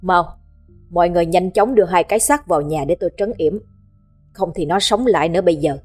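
A woman's voice: on the low side, fairly quick, darkish tone, faint music behind, lightly acted. A woman voicing a stern male exorcist master who speaks in a steely, commanding way. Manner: steely, authoritative.

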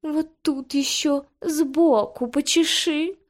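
A woman's voice: high-pitched, steady tone, voice pushed up. A woman voicing a sly, lazy, cowardly male house cat who drags out his words in a whine. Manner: drawn-out whining and pleading.

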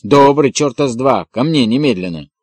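A man reading an audiobook and voicing a gruff, irritable colonel who runs a newspaper and growls at his reporter. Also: medium pitch, expressive, normal speed, dry recording. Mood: barking orders. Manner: growling, shouting, blustering.

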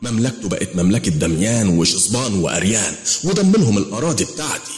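A man's voice: on the low side, sing-song, fast talker, darkish tone, echoey room, in a large hall, faint music behind, voice pushed up. A man with an Egyptian accent voicing a scheming female jinn queen who warns of a rival. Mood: urgent. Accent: Egyptian Arabic.

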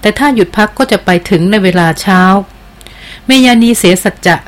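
A woman's voice: medium pitch, moderate pace, natural voice. A woman reading aloud as a loyal jungle queen who speaks with earnest, deferential respect in an audiobook.

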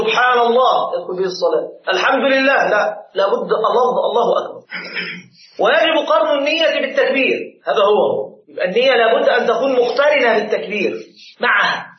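A man with an Egyptian Arabic accent teaching a class on Islamic jurisprudence, explaining and repeating points and quizzing his students. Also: extremely high pitch. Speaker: sheikh teaching Shafi'i jurisprudence. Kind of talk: classroom lesson explaining a fiqh text. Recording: echoey room, dull lo-fi sound.

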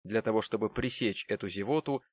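A man's voice: on the low side, brisk, dry recording. Man reading a classic novel aloud. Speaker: audiobook narrator. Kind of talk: scripted narration.

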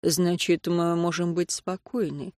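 A hushed, gentle young man, as a woman reads him. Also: fairly low pitch, fairly even intonation, measured pace, no room sound, clean studio sound, natural voice. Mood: soft, tender. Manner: quiet, soft-spoken.

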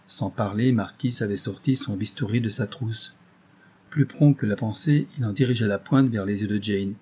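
A man reading a story aloud in measured scripted narration. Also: fairly low pitch, warm tone, breathy edge.

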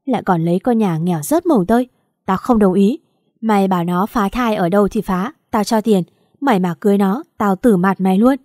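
Lady doing a shrieking rich lady in her forties, cussing everyone out, mellow tone under it, dry close sound. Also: medium pitch, brisk, dry recording, close to an everyday voice. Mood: furious. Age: 40s. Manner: shouting, cursing, scornful. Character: shrill furious wealthy older woman.

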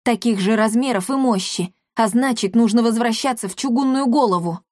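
A woman's voice: a little high, a little fast, darkish tone, no echo, studio quality, close to an everyday voice. A woman voicing a grumpy, sarcastic male talking cat in a storybook reading, grumbling and mocking.

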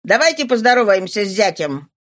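An audiobook reader voicing a defiant, brash male worker who taunts his master loudly. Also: medium pitch, big pitch swings, brisk. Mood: mocking. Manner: jeering, loud, taunting. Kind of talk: audiobook character voice.

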